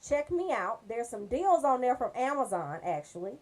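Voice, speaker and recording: Hosting a casual radio show, an American woman jokes and banters in slangy talk aimed straight at her listeners. Her fairly high, slightly mellow voice swings widely in pitch at a moderate pace.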